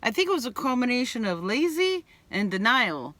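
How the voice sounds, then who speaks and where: A woman vlogger tells a story straight to camera, acting out scenes and sometimes yelling lines. Her voice is bright and sharp and swings widely in pitch. The sound is dry and close. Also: moderate pace, dry recording. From Bay Area, California. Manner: expressive, acts out scenes with loud bleeped yelling. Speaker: van life vlogger.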